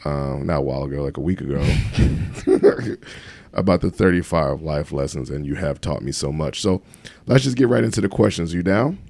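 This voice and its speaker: A man's voice: extremely low pitch, lively intonation, normal speed, creaky, a little mellow, no echo. A man chatting casually as a playful podcast host, who pronounces his th sounds as f.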